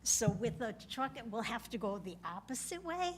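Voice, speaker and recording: A woman's voice: fairly high pitch, very animated, moderate pace. A woman giving public comment at a meeting as a resident, asking practical questions. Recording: faint hum and background noise.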